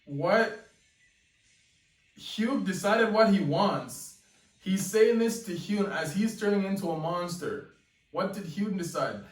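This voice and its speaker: A young man reacting live to a webcomic chapter as he reads it, excitedly narrating and exclaiming "yo" often. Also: high voice, slow pace, long pauses. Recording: echoey room, mic at a distance, faint music.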